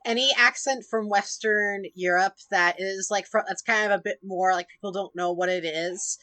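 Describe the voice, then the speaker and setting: A woman's voice: mid-range voice, fairly even intonation, moderate pace, sharp tone, no echo. A woman co-hosting a podcast, chatting in a rambling way with lots of filler words and laughter. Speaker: podcast co-host. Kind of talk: casual chat.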